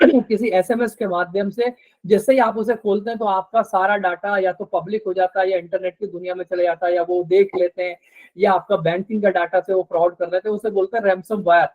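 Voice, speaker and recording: High-voiced man moderating a webinar. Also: fairly even intonation, fairly quick, darkish tone, poor audio. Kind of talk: webinar talk. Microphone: video call microphone.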